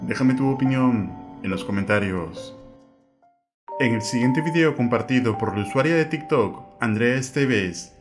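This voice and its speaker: A man of middle pitch narrates a scripted voice-over in an even, measured tone. He speaks straight to the viewers. Music plays clearly beneath his voice. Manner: even, measured delivery that asks viewers to comment. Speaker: narrator of the video.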